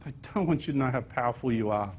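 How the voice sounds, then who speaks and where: Man, spiritual talk to an audience, earnest, emphatic bursts, medium pitch, faint background noise. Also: fast. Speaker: speaker.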